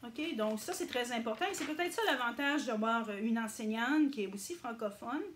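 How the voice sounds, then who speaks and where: A woman's voice: fairly high pitch, a little fast. A woman giving a casual video lesson as a language teacher, checking in often with her viewers. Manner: chatty, checks in with frequent "ok?".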